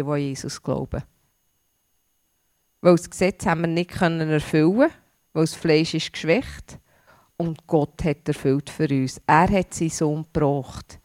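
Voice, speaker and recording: A woman giving an informal devotional talk to a church group, earnest and unhurried, sometimes stopping to restart a word. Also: low-pitched, a little mellow, dry recording, studio quality.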